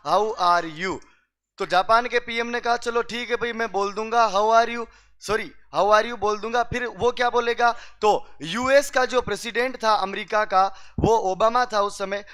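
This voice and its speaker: A man's voice: high-pitched, a bit bright, clean tone. A man telling comic stories to a class, quizzing the listeners and repeating each punchline. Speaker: teacher telling jokes to students.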